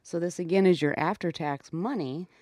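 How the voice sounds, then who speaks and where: A woman's voice: on the low side, normal speed, a little mellow, dry recording. A woman co-hosting a financial advice show, speaking in a plain, instructive, conversational way.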